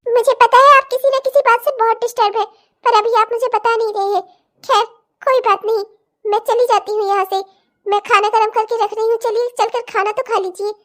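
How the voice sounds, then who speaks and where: Woman as a devoted young wife, cartoon drama, very high-pitched, pleading, earnest. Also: fairly even intonation, fairly quick. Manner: pleading, earnest, gently insistent. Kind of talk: cartoon voice acting.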